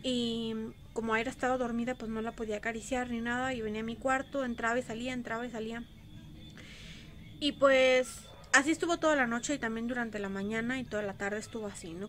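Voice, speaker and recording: A young Mexican woman with a Mexican accent, vlogging in a chatty, casual way and repeating phrases for emphasis. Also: fairly high pitch. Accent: Mexican Spanish. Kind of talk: casual vlog chat.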